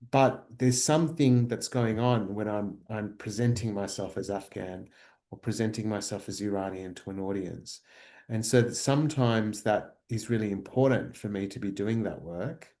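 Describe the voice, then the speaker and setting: Aussie guy researcher thinking out loud, lowish voice, lots of ums and restarts. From Australia. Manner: thoughtful, searching, with many fillers and restarts. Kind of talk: reflective workshop talk.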